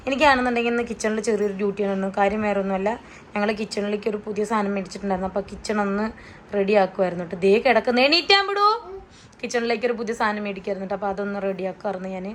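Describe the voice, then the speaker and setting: A young mother talks casually to her viewers at home in a gentle, mid-range voice. Her speech is relaxed and conversational. Faint noise sits behind her. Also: very fast. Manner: high sing-song baby talk with her toddler; low soft asides to viewers. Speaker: mother and family vlogger. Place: family home, kitchen.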